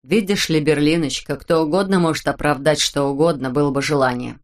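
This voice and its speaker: A woman narrator voicing a sly, self-assured young woman who teases her friend in a low, hushed way in an audiobook. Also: fairly even intonation, brisk, lightly acted. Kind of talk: audiobook character voice.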